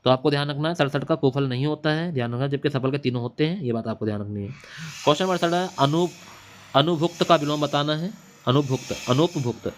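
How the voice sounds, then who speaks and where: A man's voice: fairly high pitch, fast. Male exam-prep teacher, repetitive drilling delivery with a faint machine hiss in the background. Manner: repetitive, drilling answers with quiz-back questions. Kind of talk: exam-prep Hindi lesson. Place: classroom or home studio at night. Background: faint hiss of a machine running nearby.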